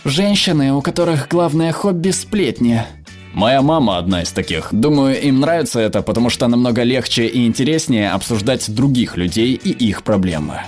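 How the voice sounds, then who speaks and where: A man's voice: medium pitch, expressive, moderate pace, soft background music. A man reading viewer comments aloud as scripted narration, voicing the quoted people as he goes.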